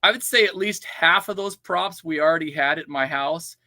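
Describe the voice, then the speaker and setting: Upbeat rambling band guest, bright voice, a bit high for a man. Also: normal speed, no echo. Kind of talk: casual interview chat.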